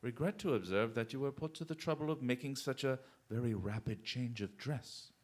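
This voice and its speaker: An actor playing Sherlock Holmes as a shrewd, coolly polite detective in a radio drama, with formal, precise diction. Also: male voice, mid-range voice, normal speed, a little mellow, close to an everyday voice. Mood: coolly polite, assured.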